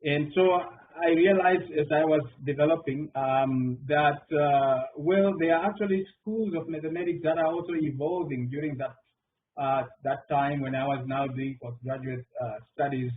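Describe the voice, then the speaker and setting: Speaking at normal speed in a steady, slightly high voice, a middle-aged Zimbabwean man answers at a panel round table. He's a mathematician who uses many fillers and restarts. The call audio is phone-like with faint noise, and he sits far from the mic.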